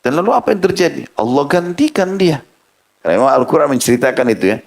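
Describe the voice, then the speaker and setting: A man's voice: on the high side, quick pace, creaky. A man preaching a sermon, telling a story and acting out the quoted speech of its people. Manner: lively storyteller who acts out quoted speech. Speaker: Islamic preacher.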